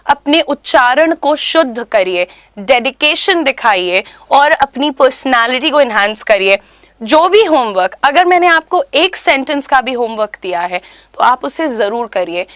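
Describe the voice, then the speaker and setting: A woman's voice: high voice, fairly bright tone, no echo. A young woman with an Indian accent giving an online spoken English class, emphatic and instructive, repeating key points. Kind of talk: online class lecture in mixed Hindi and English.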